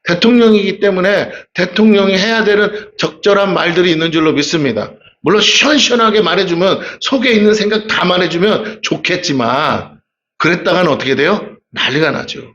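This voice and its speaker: A man's voice: sits high, lively intonation, a little fast, fairly bright tone, muffled recording, slight background noise. A man with a Gyeongsang accent preaching a sermon in a church, talking conversationally and asking the congregation rhetorical questions. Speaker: pastor. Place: church sanctuary.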